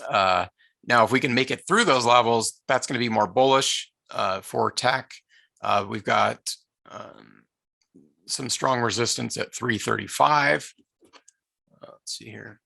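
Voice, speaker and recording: Hosting a live trading webinar, a trading educator walks through market charts in a hoarse, deeply gravelly voice. His delivery is bright and forceful but halting, full of "uh"s and restarts. The recording is close and dry.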